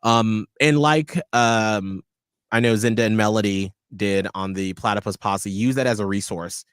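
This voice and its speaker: A man's voice: lowish voice, measured pace, clear, resonant tone, no echo, studio quality. A man co-hosting a radio show, talking earnestly and reflectively in long, run-on thoughts. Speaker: radio co-host. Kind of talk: casual radio show chat.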